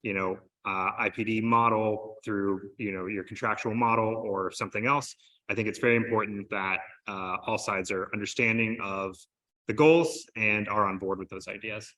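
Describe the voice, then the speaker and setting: Bright-voiced American man giving a talk. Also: on the low side, fairly even intonation, moderate pace, poor audio. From United States. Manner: upbeat, conversational, many fillers, polls the audience. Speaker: conference speaker. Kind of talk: conference presentation. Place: conference room.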